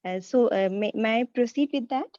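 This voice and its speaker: A woman's voice: on the high side, mellow, dry recording. Reassuring, hesitant woman in nurse role-play. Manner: reassuring, polite; hesitant, halting delivery. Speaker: nursing student practising a role play. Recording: slightly dull, lo-fi audio.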